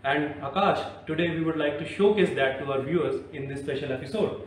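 A man with an Indian English accent makes a persuasive product pitch on a construction site. His voice is a little high. The sound is very echoey and picked up from a distance, with faint noise behind. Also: fairly even intonation, brisk. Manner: persuasive, keeps recommending. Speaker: product presenter. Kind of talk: on-site product demo chat. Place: construction site, then service center.

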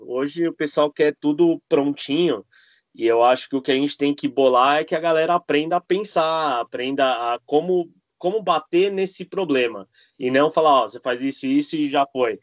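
A man's voice: on the high side, no room sound. A man from Argentina, a cook and architect chatting as a podcast guest, rambling with many fillers and restarts. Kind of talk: casual interview chat.

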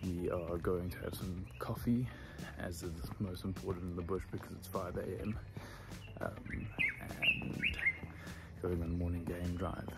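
Hushed, half-whispering man vlogging on safari. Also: low-pitched, steady tone, a little slow, gravelly, heavy background noise. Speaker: travel vlogger. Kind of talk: casual safari vlog talk to camera.

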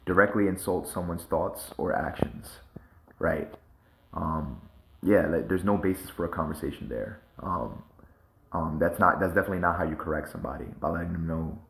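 A man's voice: deep voice, moderate pace, gravelly, a bit bright, reverberant, slight background noise, poor audio. A man musing casually in a loose, slang-heavy monologue full of fillers. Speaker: vlogger.

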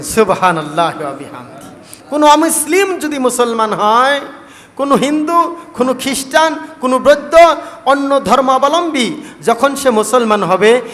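A man's voice: extremely high pitch, a bit bright. A male Islamic preacher delivering a sermon in a rhythmic, repetitive cadence. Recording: echoey hall reverb.

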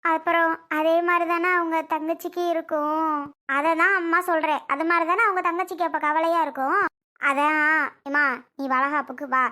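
Performer playing a mother, high bright voice, insistent lecturing, family drama skit. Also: fairly even intonation, normal speed. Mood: advising. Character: scolding, worried mother giving advice.

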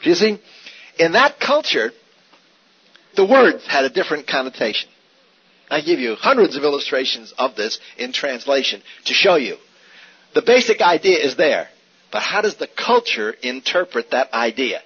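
This Bible teacher's male voice is fairly high with a breathy edge and normal speed. He teaches Scripture in an animated sermon, driving points home with rhetorical questions and repetition. The old recording sounds dull.

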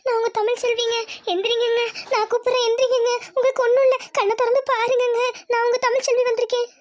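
Distraught young wife, high pleading cries, cartoon, a woman doing it. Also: level tone, fast, muffled recording. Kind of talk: cartoon voice acting.

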